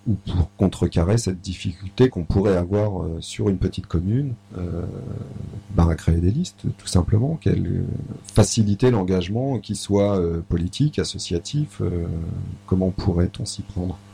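A man's voice: low-pitched, moderate pace, vocal fry, warm tone, breathy edge. A man interviewing a mayor, asking long, rambling questions full of fillers.

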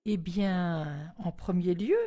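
A woman's voice: lowish voice, slow pace, mellow. An actress playing a self-assured, chatty cleaning woman who gives advice with authority. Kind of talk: audio drama acting.

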